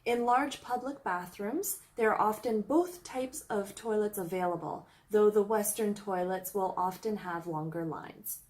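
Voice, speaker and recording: A woman's voice: medium pitch, unhurried, few pauses, darkish tone. A young woman from Canada narrating a scripted travel vlog, reading out a countdown list in an upbeat, explanatory way. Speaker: travel vlogger.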